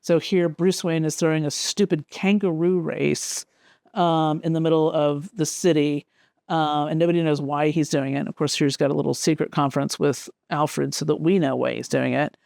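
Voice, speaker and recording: A woman's voice: sits low, steady tone, normal speed, vocal fry, a little mellow, no echo, clean studio sound. A woman hosting a casual, rambling chat as a comic book collector, flipping through old issues with an amused tone.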